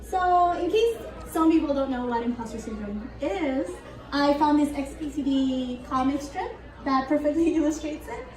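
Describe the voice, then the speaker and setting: Young woman from Argentina, native Spanish speaker, high mellow voice, earnest conference speaker, heard from a distance. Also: normal speed. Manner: earnest and reflective, with light laughs. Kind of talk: prepared motivational talk. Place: conference hall. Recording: roomy hall, voice from a distance.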